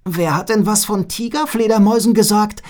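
A woman voicing a playful, bold young girl in a children's adventure story, in a high, lively voice. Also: fairly quick, lightly acted.

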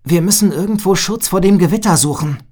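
A woman voicing a young male bird who is eager to prove his courage, in a high boyish voice. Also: fairly quick, darkish tone, lightly acted.

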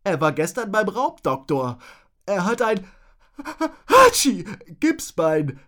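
A man's voice: very animated, unhurried. A man voicing a snotty little robber child in a storybook who keeps sneezing mid-sentence. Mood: giggly. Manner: high voice broken by sneezes.

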